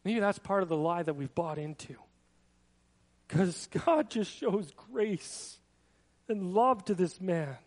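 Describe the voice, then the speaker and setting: A man's voice: sits high, lively intonation, slow pace, long reverb tail. A man preaching a sermon in an earnest, conversational way, with personal asides. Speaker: pastor.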